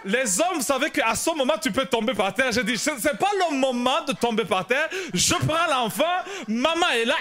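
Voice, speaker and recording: A male pastor, telling a personal story in a sermon, animated and shouting at the dramatic moments. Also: very high-pitched, normal speed, hardly any pauses. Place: church prayer meeting.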